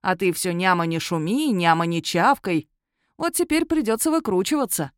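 A woman's voice: on the low side, expressive, moderate pace, smooth, no echo, studio quality, natural voice. Woman voicing a snarky beast sidekick. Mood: smug. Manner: mocking, sassy. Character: snarky female beast companion with a snout. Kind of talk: audiobook character voice.

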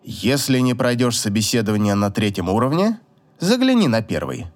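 A man's voice: mid-range voice, big pitch swings, moderate pace, pitched below the performer's own voice, close to an everyday voice. A man voicing a cold, disdainful old mage. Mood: dismissive. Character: stern old grey-haired male mage, contemptuous.

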